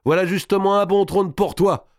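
A man's voice: high voice, steady tone, normal speed, no room sound, clean studio sound, voice pushed up. A man voicing a brutal medieval jailer who barks orders and scorns his prisoner. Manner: harsh, scornful, barking orders. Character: brutal coarse medieval jailer knight, male.

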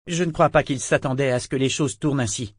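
A man's voice: mid-range voice, fast talker, slightly rough, no room sound, studio quality, lightly acted. A man voicing a grown woman, grim and reassuring toward her niece. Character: steady, grim grown woman, protective aunt.

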